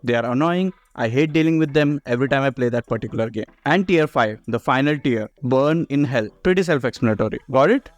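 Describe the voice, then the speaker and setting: A man's voice: mid-range voice, a little fast, few pauses, lo-fi sound. A man narrating a scripted video game commentary in a sarcastic, profane way.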